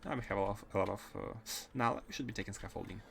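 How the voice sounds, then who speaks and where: Talking very fast in a lowish, gravelly, slightly bright voice, a Russian-accented man chats casually while playing on a livestream. He keeps repeating phrases and starting them again.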